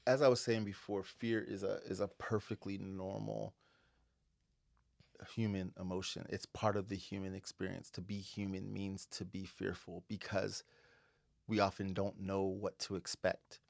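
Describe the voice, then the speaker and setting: A man co-hosting a podcast, speaking in a reflective, measured way with frequent affirming murmurs. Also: sits low, level tone, vocal fry, a little mellow, dry recording, clean studio sound. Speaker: podcast co-host. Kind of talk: casual podcast chat.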